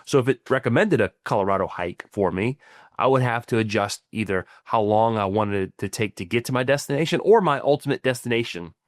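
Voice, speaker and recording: In a clean studio recording with a dry sound, a middle-aged man speaks at a medium pitch and a little fast. He co-hosts a podcast as a financial planner, chatting casually through ideas while stumbling into restarts and leaning on "right?" tag questions.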